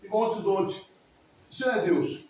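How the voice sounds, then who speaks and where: Heard from a distance in an echoey church hall with faint noise, a man in his forties speaks fairly quickly in a high-sitting, darkish voice. His testimony is emotional and rambling, and he keeps repeating himself.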